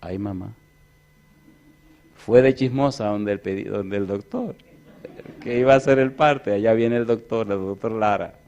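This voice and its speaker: A male pastor preaching a sermon through a lively, joking personal anecdote, acting out the other people in it. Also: on the low side, measured pace, pauses often, muffled recording. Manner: lively, jokey anecdote-telling; acts out other people's voices. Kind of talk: storytelling sermon.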